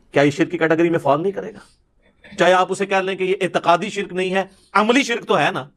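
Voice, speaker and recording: A man with a Pakistani Punjabi accent gives an informal religious lecture, emphatic, argumentative, and rhetorical in style. His voice is a little high.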